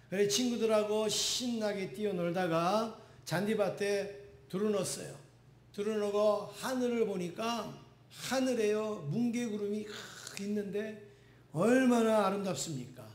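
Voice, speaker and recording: A middle-aged man, a senior pastor, telling a story in a Sunday sermon and building to emphatic peaks. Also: sits high. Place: church sanctuary. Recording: echoey church hall.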